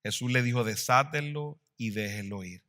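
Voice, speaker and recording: A man preaching a sermon as pastor, swelling louder and then dropping to a hush. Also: medium pitch, normal speed.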